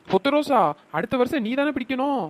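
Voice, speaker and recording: A woman voicing a scheming young village woman who stirs up quarrels at a water tap, speaking in a cartoon comedy. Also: high voice. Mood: coaxing. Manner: scheming, scolding, quick village banter. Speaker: cartoon storyteller voicing the schemer Chinna Ponnu.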